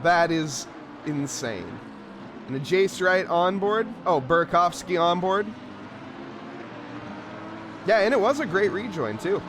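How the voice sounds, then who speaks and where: A man giving casual, animated play-by-play commentary on a live race. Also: high voice, takes it slowly, long pauses. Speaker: sim racing commentator. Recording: clear engine and car noise behind. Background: race car sounds.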